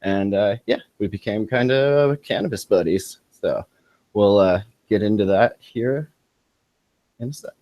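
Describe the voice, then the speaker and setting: A man's voice: on the low side, unhurried, no room sound, lo-fi sound. A man hosting a podcast in a loose, rambling, laid-back casual chat. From Montana. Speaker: podcast host.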